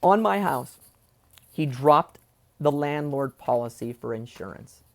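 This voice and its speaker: An angry young man rants into the camera, swearing freely and veering off on tangents. His voice has a gravelly rasp and swings widely in pitch as he vents. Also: animated, a little slow. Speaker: vlogger. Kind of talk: ranting personal vlog.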